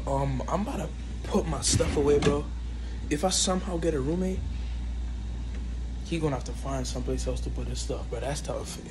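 A man's voice: on the high side, moderate pace, long pauses. A young man chatting casually to his vlog in slang, saying bro constantly, on a noisy handheld recording. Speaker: vlogger at a basketball camp.

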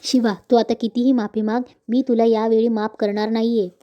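An insistent, accusing middle-aged mother, as a woman reads her lines in a serial recap. The voice stays flat and fairly high. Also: brisk, highs cut off, natural voice.

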